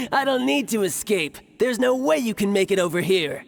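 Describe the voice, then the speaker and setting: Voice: mid-range voice, expressive, measured pace, vocal fry, faint music behind. An actor playing a smug, taunting young thief villain in an anime-style video game, mocking and theatrical.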